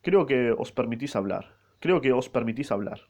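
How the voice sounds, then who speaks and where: A man with an Argentine accent voicing a phlegmatic, gloomy musketeer, speaking in a slow, measured way. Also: medium pitch, expressive, a little mellow. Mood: grave. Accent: Argentine Rioplatense Spanish. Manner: measured, often slowed.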